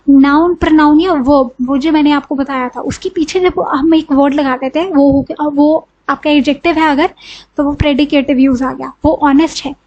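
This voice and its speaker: High-voiced woman teaching grammar. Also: highs cut off. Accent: Indian. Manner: explains step by step, asks and answers her own questions, says "ठीक है" often. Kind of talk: grammar lesson.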